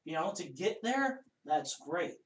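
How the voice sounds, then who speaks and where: A chatty co-host in a casual sports conversation who keeps dropping filler phrases. The pitch is mid-range. The sound is roomy, with clear echo. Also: sing-song, unhurried. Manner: chatty, lots of "you know". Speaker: podcast co-host.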